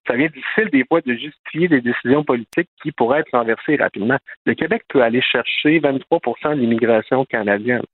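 Fast-talking Quebec man on a tinny phone line. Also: medium pitch, a little hiss or hum. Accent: Quebec French. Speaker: interview guest, immigration professional. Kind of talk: explanatory radio interview.

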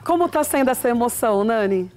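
A woman's voice: on the high side, expressive, fast, a little mellow, faint music behind. A woman hosting a casual panel, affectionate and chatty with her guests. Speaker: host. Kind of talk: casual show chat.

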